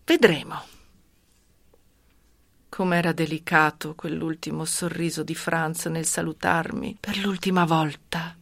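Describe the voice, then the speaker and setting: Greedy scheming widow, radio drama monologue, slow and deliberate, dry close sound. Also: female voice, lowish voice, creaky, no room sound. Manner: slow, brooding inner monologue. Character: greedy scheming widow, brooding and self-indulgent.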